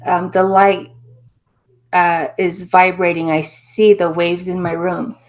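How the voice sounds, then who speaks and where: A woman from New Mexico, a spiritual healer guest, telling her story in an earnest, reflective way that often trails off softly. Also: on the low side, level tone, takes it slowly. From New Mexico, USA. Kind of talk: casual interview storytelling.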